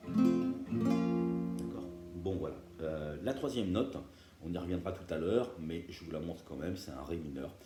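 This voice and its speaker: Low-voiced man teaching guitar. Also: normal speed. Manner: patient, step-by-step, keeps checking in with listeners. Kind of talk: beginner guitar tutorial. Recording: roomy room with loud guitar playing.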